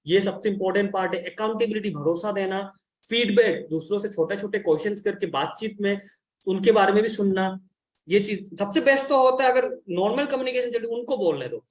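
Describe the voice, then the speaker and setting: High-voiced blunt man coaching a team. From India. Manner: blunt, scolding, mixes Hindi and English. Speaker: business consultant and trainer. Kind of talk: training session talk.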